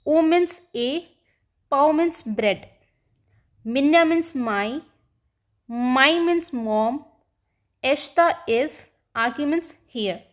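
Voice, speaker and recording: A woman teaching a beginners' language lesson, drawing out each example word slowly. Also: sits high. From India. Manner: slow, stretched-out example words.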